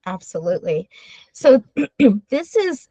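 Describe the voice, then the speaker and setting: A woman in her forties, talking as an interview guest in an earnest, animated way, with fillers and restarts. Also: mid-range voice, takes it slowly, no echo. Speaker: guest speaker, trauma-informed ministry leader. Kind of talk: conversational interview talk.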